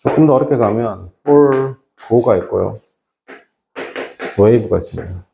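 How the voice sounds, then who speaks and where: A middle-aged man teaching an English reading class to high school students, often asking rhetorical questions. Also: expressive, slow, creaky, highs cut off, a little hiss or hum. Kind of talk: classroom lecture.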